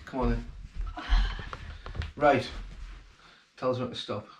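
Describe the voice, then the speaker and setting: A man's voice: medium pitch, fairly even intonation, slow pace, a little hiss or hum. Man, fishing vlog host, casual thankful chatter, echoey home room, camera mic a few feet off. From England. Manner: chatty and grateful, plain-spoken. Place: home kitchen, then living room, indoors. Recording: roomy home acoustics.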